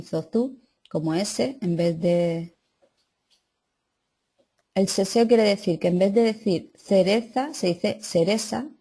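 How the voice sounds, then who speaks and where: A woman's voice: medium pitch, mellow, husky. A woman teacher reading lesson notes aloud and adding casual asides to her students. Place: classroom or online class.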